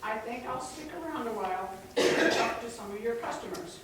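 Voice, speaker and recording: A woman's voice: a little high, expressive, normal speed, close to an everyday voice. A woman acting a nosy, persistent photographer who fires pointed questions in a comic amateur stage play. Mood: probing. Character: nosy, persistent female celebrity photographer questioning diner staff. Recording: distant echoey hall, noisy, clicks.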